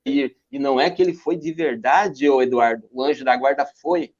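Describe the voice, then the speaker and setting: Very animated, with a medium-pitched, somewhat dark voice at a moderate pace, an older man from Brazil recounts his backpacking adventures in a Brazilian Portuguese accent. He tells stories eagerly, posing and answering his own rhetorical questions. It's a casual interview captured in lo-fi video-call sound.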